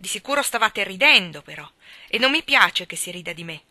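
A woman voicing a proud, lovesick young gentleman who speaks in a tense, clipped way. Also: mid-range voice, lively intonation, brisk, no room sound. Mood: cold anger.

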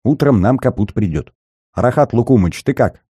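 A man's voice: medium pitch, expressive, normal speed, mellow, breathy edge, no echo, studio quality, pitched above the performer's own voice. A man voicing a grumbling young male soldier, sullen and weak.

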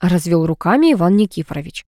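A woman narrating a novel aloud, expressive and lifting her voice for the characters. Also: quick pace, no echo, studio quality. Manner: expressive, lifts pitch for quoted characters. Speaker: audiobook narrator.

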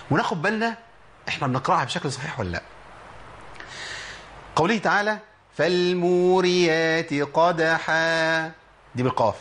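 A man with an Egyptian Arabic accent teaching Quran letter pronunciation, slowly drawing out example words between lively explanations. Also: a little high, a little hiss or hum. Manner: slow drawn-out demonstration of words, lively explanatory talk.

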